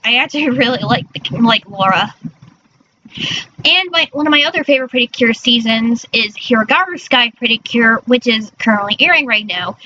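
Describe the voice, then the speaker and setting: A woman streamer with a virtual character persona chats casually on a livestream in a cute, girlish anime-streamer way, often stumbling over her words. Her voice is on the high side and expressive at a normal speed. The dull lo-fi mic picks up faint noise.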